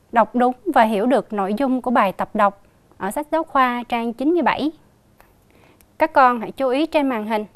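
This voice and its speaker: A female primary school teacher with a Southern Vietnamese accent, leading a slow reading lesson for young children and spelling out sounds with emphatic repetition. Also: fairly high pitch, dry recording. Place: recorded for a TV lesson.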